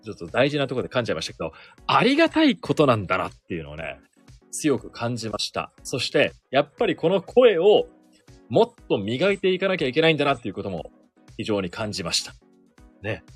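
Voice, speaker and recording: A man in his thirties, a sports announcer, talks through his solo show with a strikingly expressive voice that leaps up and down in pitch. His pitch is mid-range for a man. The sound is close and dry, with soft music playing underneath. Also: fast talker, slightly rough, dry recording. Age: 30s. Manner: chatty, animated, self-deprecating. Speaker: sports announcer and podcast host. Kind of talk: casual solo radio-style chat.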